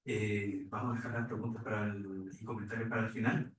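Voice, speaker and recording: Moderador, tono monótono, muchas muletillas, lejos del micrófono. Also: male voice, on the low side, little pitch movement, a little fast, a little hiss or hum. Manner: hesitant, many fillers. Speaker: panel moderator. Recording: echoey hall, voice far from mic.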